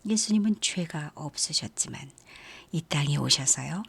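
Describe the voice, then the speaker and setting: A woman with a low, husky voice tells a Bible story to young listeners in a sermon. Her delivery is gentle and storytelling, and she pauses to ask questions. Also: animated. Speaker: youth ministry preacher.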